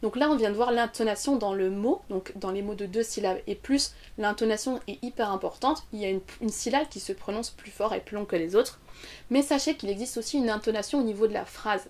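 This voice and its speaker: A young French woman teaching English pronunciation in an online lesson, explaining clearly and saying example words slowly. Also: mid-range voice, a little mellow.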